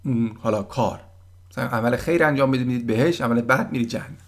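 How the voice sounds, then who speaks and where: A man giving a casual German lesson, patiently explaining words and sounding them out slowly. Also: medium pitch. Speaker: German language teacher.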